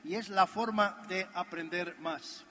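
A man with a high, ringing voice delivers a motivational convention speech. He tells stories and presses his points home, talking right at the listener. A long hall reverb trails behind every phrase. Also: a little slow, sharp tone. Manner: emphatic, addresses the listener directly. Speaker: motivational speaker at a business convention.

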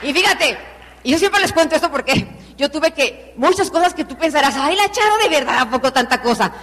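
Lively Mexican woman telling stories in a hall. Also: high voice, fairly quick. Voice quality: animated, acts out dialogue with self-mocking humor. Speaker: motivational speaker. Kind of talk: motivational storytelling talk.

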